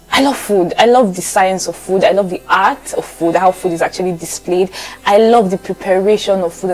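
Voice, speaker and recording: A young woman vlogger from Lagos chats casually with viewers in a Nigerian accent, repeating phrases for emphasis. Her voice is mid-range and a little mellow, and the audio quality is poor.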